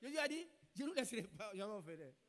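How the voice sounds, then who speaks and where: High-voiced preacher, emphatic. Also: male voice, very animated, fast talker, a bit bright. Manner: emphatic, repeats key phrases. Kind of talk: sermon. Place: church. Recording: long reverb in a church hall.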